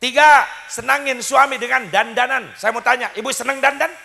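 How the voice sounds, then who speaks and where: A man's voice: very high voice, normal speed, creaky, pushed and bright. A man, preaching a comic sermon to a crowd and acting out husbands and wives in jokey skits. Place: outdoor community stage.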